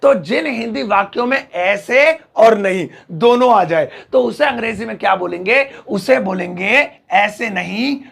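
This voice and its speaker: A man teaching English phrases to Hindi speakers, drilling each phrase slowly word by word with playful asides to viewers. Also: sits high, vocal fry, a bit bright. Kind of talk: Hindi-language English lesson.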